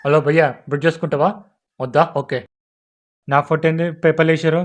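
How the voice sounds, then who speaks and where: A man's voice: fairly high pitch, level tone, fast talker. A man acting out a brash, mocking comedy sketch. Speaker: comedy sketch creator playing all parts.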